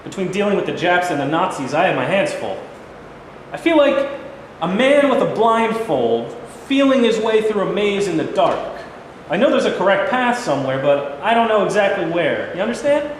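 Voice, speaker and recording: In a very reverberant hall, a man reads a blunt, exasperated president in a stage play. The voice is high and lively in pitch, with deliberate, emphatic phrasing over faint noise. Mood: burdened. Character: President Truman, blunt, exasperated newly informed American leader. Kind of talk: amateur staged reading of a play. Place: indoor hall, staged reading.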